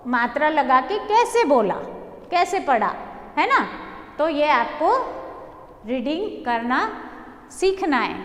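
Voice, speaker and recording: A teacher drilling Hindi syllables for young children in a reassuring, sing-song way, speaking with an Indian accent. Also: female voice, sits high. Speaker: primary school teacher. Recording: echoey room with long reverb.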